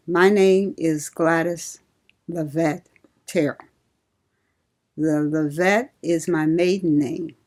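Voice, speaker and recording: An older woman from Ohio, a retired nurse, reminiscing slowly and laughing often in an oral history interview. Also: sits low, darkish tone. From Cincinnati, Ohio.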